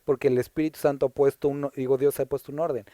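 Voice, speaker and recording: Speaking quickly in a level, mellow mid-range voice, a man from Puebla, Mexico, preaches through Scripture verse by verse, chatting conversationally and stopping to pose rhetorical questions. The studio recording is clean and dry, without any room sound.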